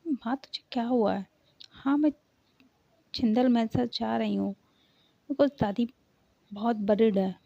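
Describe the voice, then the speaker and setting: A woman's voice: on the high side, takes it slowly, vocal fry, long pauses, dark tone, no room sound, heavily acted. A woman voicing an earnest young woman who pleads and argues with her mother, in a storybook reading. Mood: pleading. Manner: pleading, insistent. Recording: dull lo-fi recording.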